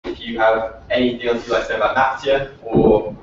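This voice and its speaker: A man's voice: mid-range voice, little pitch movement, a little fast, slight background noise. A man who founded a startup, giving a prepared, reflective talk at a meetup. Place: echoey venue room at a meetup. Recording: echoey, distant, dull lo-fi audio.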